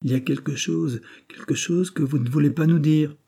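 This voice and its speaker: A man's voice: fairly high pitch, moderate pace, gravelly, voice pushed up. A man reading aloud, voicing a blunt young male chauffeur-mechanic who talks in colloquial slang. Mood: worried. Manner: colloquial, animated working-class talk.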